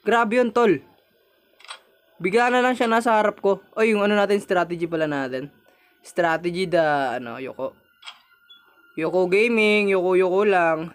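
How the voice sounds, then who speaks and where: A man's voice: high voice, moderate pace. Jumpy young Filipino gamer man. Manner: jumpy, shouts and laughs when startled, chatty with viewers. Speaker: gamer playing a horror game. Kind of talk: casual horror gameplay commentary.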